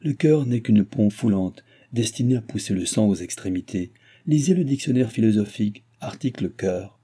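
A man's voice: fairly low pitch, expressive, normal speed, mellow, slightly rough. A man playing a cold, arrogant young man who lectures with disdain in a read-aloud novel. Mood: lecturing.

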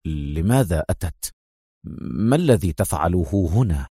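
A man doing a low, firm, composed secret agent. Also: moderate pace, darkish tone, no echo, studio quality. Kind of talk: audiobook character voice.

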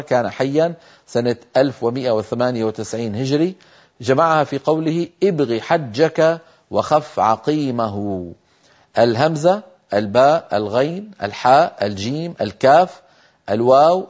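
A man teaching Quran recitation in a televised lesson. He explains patiently, slows down to demonstrate pronunciations, and answers his own questions. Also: mid-range voice, a little mellow, highs cut off. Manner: poses rhetorical questions and answers them.

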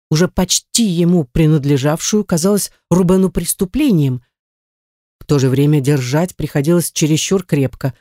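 An audiobook narrator reading a novel with a steady, even storytelling delivery. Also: medium pitch, no echo, studio quality. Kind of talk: scripted narration.

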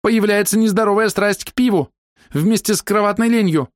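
A man voicing a shrill, squeaky young female thief who shouts indignantly from hiding in an audiobook. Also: moderate pace, no room sound, clean studio sound, natural voice. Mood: scaremongering. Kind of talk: audiobook character voice.

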